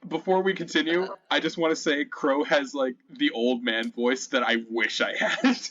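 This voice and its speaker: A man's voice: on the high side, steady tone, moderate pace, fairly bright tone, dull audio. A man narrating a tabletop role-playing game casually as game master.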